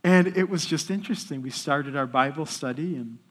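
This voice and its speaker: A man studying for the priesthood, telling a lively story in church as a testimony talk. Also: fairly high pitch, a little fast. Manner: lively storyteller, animated quoted voices. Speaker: seminarian speaking in church.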